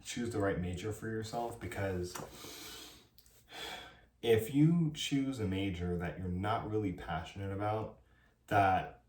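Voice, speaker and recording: A man's voice: lowish voice, a little slow, long pauses, a little mellow, echoey room, recorded from a distance. A young man who is a college student giving emphatic, preachy advice in a casual vlog, often asking "right?". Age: young adult. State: dry throat.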